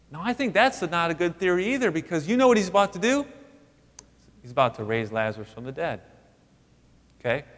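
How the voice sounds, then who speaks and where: A man preaching a sermon in a conversational way, with frequent rhetorical questions and sudden rises in pitch for emphasis. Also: in a large hall. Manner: conversational, animated, rising emphatic asides. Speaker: pastor.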